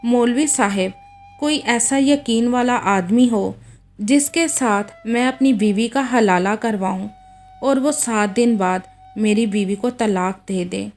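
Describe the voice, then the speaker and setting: A woman's voice: on the high side, takes it slowly, a little mellow, soft background music. A woman voicing a young husband, defensive and pleading, in a read-aloud story. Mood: anxious. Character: young husband, quick-tempered then regretful.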